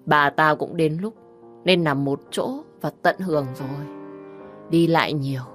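A woman's voice: sits low, a little slow, faint music behind. A woman voicing a scheming, vengeful young woman in a narrated story.

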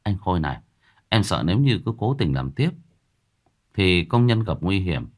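A man's voice: sits low, lively intonation, moderate pace. A man voicing an uneasy young worker in a ghost story, speaking hesitantly.

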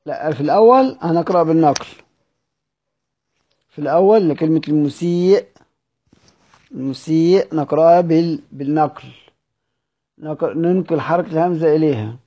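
A man with an Egyptian Arabic accent teaches the fine points of Quran recitation. His voice sits a little high and sounds soft and mellow, and the recording is dull and lo-fi. He moves between reading a classical text and explaining it in plain speech, full of rhetorical questions. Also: moderate pace, long pauses. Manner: reads a passage, then explains it in colloquial speech with rhetorical questions.

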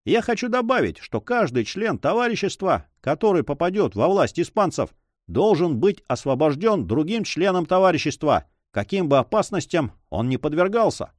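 A man's voice: on the high side, sing-song, normal speed, dry recording, studio quality, pitched above the performer's own voice. Man voicing eager buccaneer, raised voice, earnest, storybook pirate.

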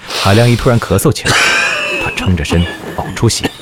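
A man's voice: on the low side, brisk, very noisy. A man narrating a historical audio drama in a scripted, dramatic storytelling style. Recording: music behind the narration.

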